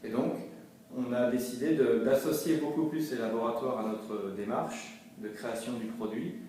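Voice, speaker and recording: A man's voice: mid-range voice, steady tone, moderate pace, warm tone. A man giving explanatory interview talk as a company representative, hesitantly repeating words as he searches for phrasing. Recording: very echoey room, distant mic, faint noise.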